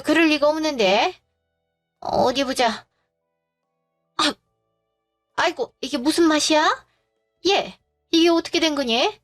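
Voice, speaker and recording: A woman voicing a fussy older mother-in-law who speaks in a shrill, indignant way. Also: slow, long pauses, faint music behind. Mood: flustered.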